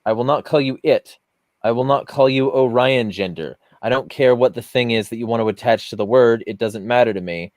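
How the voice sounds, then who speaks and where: A man's voice: medium pitch, brisk, darkish tone, no echo. A man hosting a podcast who rants bluntly and swears often in casual heated talk. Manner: blunt, profane, ranting. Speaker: podcast host.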